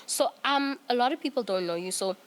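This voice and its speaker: A woman's voice: on the high side, expressive, brisk. Chatty giggly woman hosting in her twenties. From South Africa. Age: 20s. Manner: chatty, giggly, many restarts. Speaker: podcast host. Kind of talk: casual chat.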